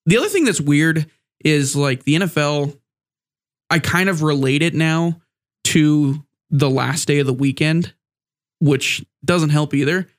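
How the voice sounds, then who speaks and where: A man with a somewhat high voice and a stuffed-up nose hosts a casual sports podcast. He sounds a bit under the weather with a sore throat and talks in a loose, rambling, conversational flow. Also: unhurried. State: mildly sick with a sore throat. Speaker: podcast host.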